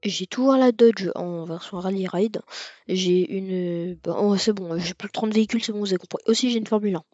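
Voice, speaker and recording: A man giving casual let's-play commentary on a racing game, rambling and hesitant with lots of fillers and sudden excited outbursts. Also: high-pitched, fairly quick, no room sound. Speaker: gaming video creator. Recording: dull lo-fi mic with faint music.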